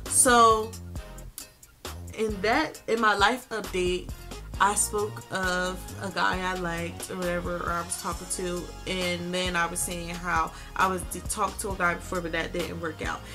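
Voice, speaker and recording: A woman's voice: medium pitch, bright, forceful tone. A young woman giving a casual life update on her vlog, chatty and full of "like"s, tearful at times. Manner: chatty, filler-heavy talk with many "like"s. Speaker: vlogger.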